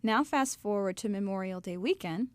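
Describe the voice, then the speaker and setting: A young woman from Ohio telling her faith story to a live audience in a lively, chatty way. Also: medium pitch, normal speed, no room sound. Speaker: speaker telling her testimony.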